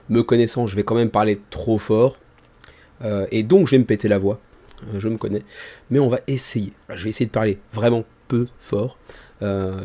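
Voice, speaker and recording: Host of a board game crowdfunding video show, this man presents casually from a small room indoors, chatty and self-deprecating. Because his voice is tired, he keeps it held back, low and soft. His mouth is roughly ten centimetres from the microphone.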